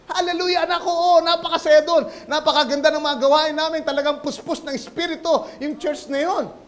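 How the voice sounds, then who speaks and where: A man's voice: very high voice, steady tone, brisk. A man voicing an elderly mother, joyful churchgoer who cries hallelujah.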